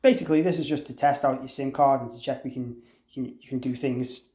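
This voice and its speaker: In a roomy, echoey space with a noisy background, a man gives an unscripted software walkthrough, explaining conversationally and thinking aloud as he demonstrates the product. His mid-range voice stays steady, and he talks fast.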